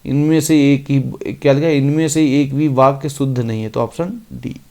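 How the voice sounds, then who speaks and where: A man teaching an exam-prep grammar lesson, reading each sentence out slowly and then explaining it briskly. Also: medium pitch, fairly even intonation, mellow. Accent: Hindi.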